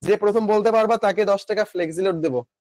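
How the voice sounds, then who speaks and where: A man's voice: sits high, quick pace, darkish tone, dry recording. A young man with a Bangladeshi Bengali accent teaching a live online class, chatty, asking and answering his own questions and reading out student comments. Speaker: online admission-coaching teacher.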